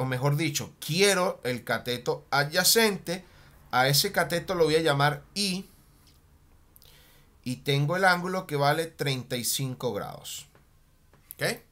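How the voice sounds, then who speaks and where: A man teaching a math lesson at a board, animated, often checking in with a quick "ok?" and slowing down on key terms as he writes. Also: on the high side. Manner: slows down and stretches key terms while writing.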